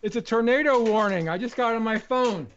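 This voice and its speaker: A man's voice: extremely high pitch, fairly quick, fairly bright tone, dull audio. A man co-hosting a podcast from home, joking and searching for words with fillers. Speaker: podcast co-host. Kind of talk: casual podcast chat. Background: hail on roof.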